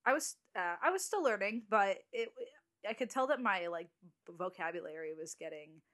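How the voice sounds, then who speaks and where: A woman's voice: medium pitch, lively intonation, a bit bright. A woman in her late twenties, a guest on a podcast, chatting casually and restarting her sentences often. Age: 20s. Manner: chatty, halting with restarts and little laughs. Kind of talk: casual chat.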